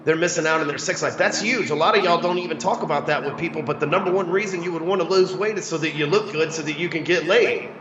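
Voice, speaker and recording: A man's voice: fairly high pitch, fast talker, hardly any pauses, noisy background. A man from the United States talking casually as an interview guest, brash, slangy and full of swearing. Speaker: sales coach, interview guest. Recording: roomy, distant, slightly dull microphone.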